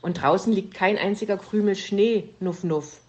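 A woman doing a gentle mother hedgehog. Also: medium pitch, normal speed, muffled recording, natural voice. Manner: gentle, patient. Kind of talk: storybook reading.

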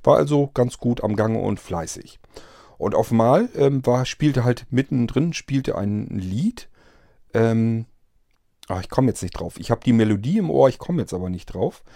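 A man recounts an odd experience in a loose, rambling way, stopping and restarting often. His voice is mellow and mid-pitched. The sound is dry and close. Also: lively intonation, measured pace, gravelly, no echo. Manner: rambling, hesitant, many fillers and restarts. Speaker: vlogger telling of a strange event. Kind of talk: casual spoken account.

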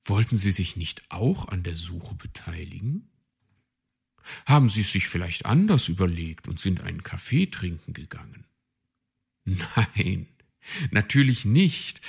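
A man reading a children's storybook aloud as narrator, lively and expressive. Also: fairly low pitch, gravelly, husky.

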